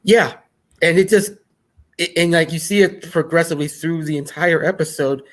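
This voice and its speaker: A co-host in a casual pop-culture discussion, speaking in a halting, casual way with fillers. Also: mid-range voice. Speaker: podcast co-host.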